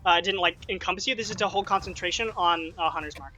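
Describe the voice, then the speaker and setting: A man acting as game master, calling rolls and damage and narrating the action in bursts. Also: sits high. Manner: quick rules talk broken by animated narration.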